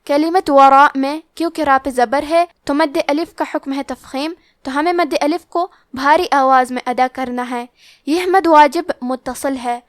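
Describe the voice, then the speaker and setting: A high-pitched woman with a Pakistani Urdu accent gives a tajweed lesson. She explains each rule in a calm, measured way, then draws the recited words out slowly. The recording is dry and close, with no room sound. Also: no echo. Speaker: Quran recitation teacher.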